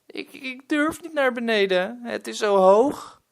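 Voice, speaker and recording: A man's voice: high-pitched, big pitch swings, slow pace, gravelly, a bit bright, voice pushed up, heavily acted. A man voicing a timid little boy who stammers and pleads. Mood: scared.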